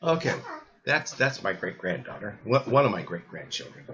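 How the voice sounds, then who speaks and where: An older man with a rambling, halting delivery who repeats words as he talks through supplements, recorded as old camcorder audio. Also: on the low side, big pitch swings, fairly bright tone, dull audio. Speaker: health supplement presenter. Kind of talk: rambling spoken talk.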